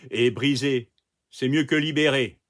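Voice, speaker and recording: A man's voice: medium pitch, measured pace, close to an everyday voice. A man reading aloud voices a young songwriter who weighs his lyrics carefully, one phrase at a time. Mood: thoughtful.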